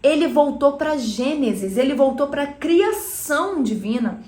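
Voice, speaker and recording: A high-pitched woman with a Brazilian Portuguese accent gives a relaxed Bible lesson. She explains earnestly and turns often to address her viewers. Her voice rings in a noticeably echoey room. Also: measured pace. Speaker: Bible teacher. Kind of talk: conversational Bible teaching. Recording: roomy echo.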